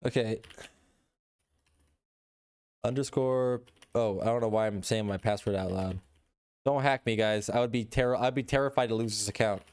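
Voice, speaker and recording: A man's voice: on the low side, steady tone, moderate pace, pauses often, darkish tone, clean tone. A man streaming live, chatting casually with his chat in a rambling way and reading posts aloud.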